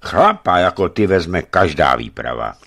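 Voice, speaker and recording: A man voicing a coarse, grumbling fisherman foreman in a read-aloud story, with raised, louder delivery. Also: low voice, big pitch swings, full character voice. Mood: coaxing. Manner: grumbling, swearing in folksy oaths. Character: gruff middle-aged male foreman, a coarse-mouthed fisherman.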